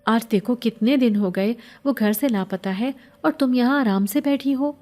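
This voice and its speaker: A woman's voice: fairly high pitch, a little mellow, pitched above the performer's own voice, close to an everyday voice. A woman voicing a concerned, scolding female relative who speaks in a reproachful way.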